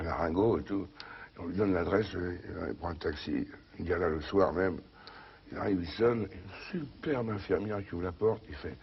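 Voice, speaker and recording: A man's voice: low-pitched, creaky, slightly rough. A man telling jokes on a TV show, acting out the people in them with changed voices. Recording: dull lo-fi 1990 TV archive.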